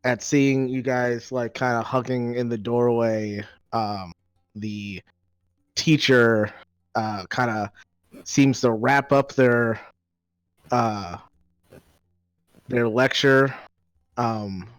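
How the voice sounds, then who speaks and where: Slow, halting man narrating a game. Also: mid-range voice, steady tone, smooth, no room sound, low-quality recording. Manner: halting, pauses mid-phrase. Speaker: game master. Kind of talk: improvised tabletop game narration.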